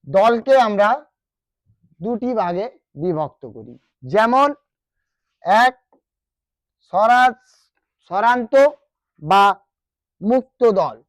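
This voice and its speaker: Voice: mid-range voice, dry recording. A teacher with a West Bengal accent explains a grammar lesson, repeating key terms and asking the students questions. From West Bengal, India.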